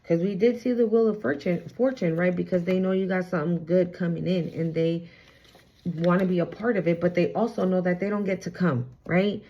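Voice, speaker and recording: A woman's voice: fairly low pitch, fairly even intonation, a little fast. A woman giving a casual tarot reading, chatty, blunt and sassy, with frequent swearing. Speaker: tarot reader. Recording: slightly muffled lo-fi recording.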